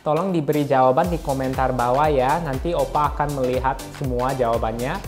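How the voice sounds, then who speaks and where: A man's voice: medium pitch, brisk. Male online language tutor, playful, drills sounds by repetition, faint music bed. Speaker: Korean language teacher. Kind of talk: video language lesson.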